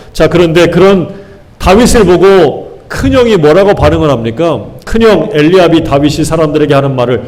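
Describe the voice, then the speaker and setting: A man's voice: on the high side, a little mellow. A man pastor preaching a sermon. He keeps asking the congregation questions and acts out the lines he quotes.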